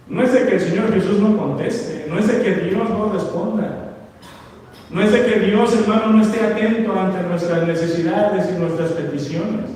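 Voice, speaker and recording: A man preaching a sermon, often calling out to his brothers and asking for agreement, dropping soft and low, then rising into emphatic cries. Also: a little hiss or hum. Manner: addresses listeners as brothers, frequent tag questions; swings between soft low passages and raised emphatic cries. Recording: echoey church hall from far off.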